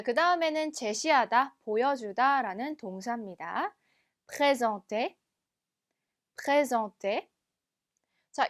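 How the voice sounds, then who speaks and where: A woman leads a recorded French lesson in a slightly high voice. She explains things step by step and repeats each new word slowly twice. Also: fairly bright tone. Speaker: French language teacher.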